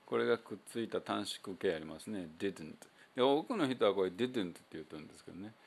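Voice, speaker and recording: Man, Kansai accent, pronunciation teacher, gravelly, chatty audio lesson. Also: lowish voice, lively intonation. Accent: Kansai Japanese. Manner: chatty and loose, with many fillers, slowing down to demonstrate sounds. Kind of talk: casual spoken audio lesson.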